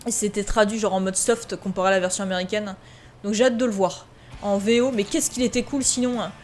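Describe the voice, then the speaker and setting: Playing a farming game, this woman talks to her audience in a casual let's-play style and reads the on-screen prompts out loud. Her mid-range, darkish voice stays steady and fairly quick, with slight background noise. She hosts gaming videos.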